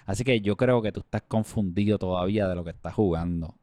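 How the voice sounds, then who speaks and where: This is a man co-hosting a sports podcast and poking fun in loose banter. His voice sits on the low side and sounds close and dry, with no room around it. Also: fast, mellow, no room sound. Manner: teasing, joking banter. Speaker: podcast co-host. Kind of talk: casual sports podcast chat.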